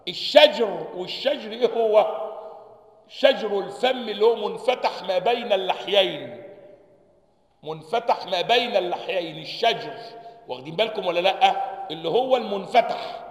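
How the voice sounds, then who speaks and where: A high-pitched man with an Egyptian accent gives a religious lesson, reading a classical text and explaining each letter's point of articulation. He sounds out the letters himself and keeps asking his listeners whether they follow. The voice rings with the long reverb of a big, echoey hall. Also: normal speed. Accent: Egyptian Arabic. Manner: checks understanding with repeated questions; demonstrates letter sounds aloud. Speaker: sheikh teaching Quran sciences.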